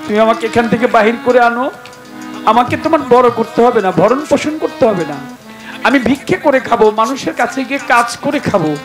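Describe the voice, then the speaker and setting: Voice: mid-range voice, a little fast, soft background music, natural voice. A folk ballad performer voicing a young girl tearfully begging her father for her life, with instruments behind. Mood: pleading.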